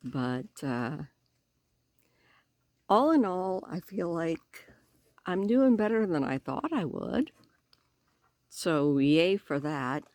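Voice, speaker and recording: A woman chatting casually in a vlog, with a slight lisp and careful, halting speech as she talks around newly fitted false teeth. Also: fairly low pitch, sing-song, darkish tone. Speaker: vlogger giving a personal update.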